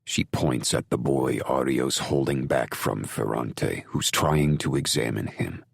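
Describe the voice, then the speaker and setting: Very deep, gravelly male narrator. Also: dry recording, clean studio sound. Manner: brooding, measured, intense. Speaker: audiobook narrator. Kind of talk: first-person audiobook narration.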